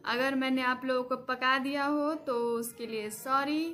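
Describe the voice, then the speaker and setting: A woman's voice: sits high, steady tone, moderate pace, pushed and bright, slight background noise. A woman in her thirties chatting to her viewers from home in a simple, hesitant way with a few restarts. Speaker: vlogger. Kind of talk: casual vlog talk to camera.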